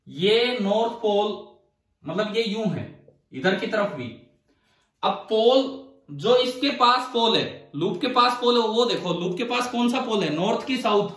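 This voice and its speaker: A male physics teacher lecturing a class in a high voice. He quizzes the students and answers his own questions, repeating key phrases. The sound is roomy and echoey, with the mic set back from him. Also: fairly bright tone, far from the mic. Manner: asks the class questions and answers them himself; repeats key phrases to drive points home.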